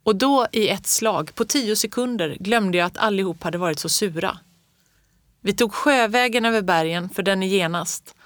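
A woman narrating a children's story in the first person, reading calmly and evenly. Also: medium pitch, no echo, clean studio sound. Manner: calm, even reading. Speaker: audiobook reader.

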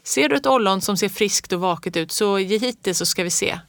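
Woman voicing a calm folksy old countryman. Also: mid-range voice, gravelly, no room sound, clean studio sound. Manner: unhurried, homespun storytelling.

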